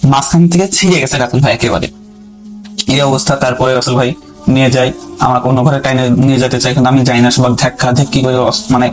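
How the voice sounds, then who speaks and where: A man's voice: medium pitch, low-quality recording. A man, a caller telling his own story in casual, rambling speech that repeats phrases and keeps turning to the host. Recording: music playing under the voice.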